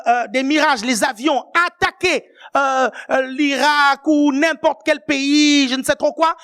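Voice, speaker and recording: A woman preaching a sermon with emphasis, often asking the congregation whether they are still following her and rising to shouted high points.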